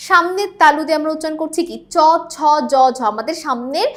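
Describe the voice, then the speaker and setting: High-voiced woman teaching exam questions. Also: animated, a little fast, sharp tone. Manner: explanatory, often checks in with the students. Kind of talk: exam-prep lesson, solving multiple-choice questions.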